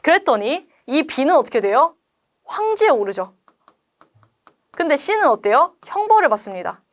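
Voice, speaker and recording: A woman's voice: sits high, sing-song, measured pace. A young woman teaching a Korean literature exam explanation, asking rhetorical questions and paraphrasing quoted lines in casual speech. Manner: asks students rhetorical questions.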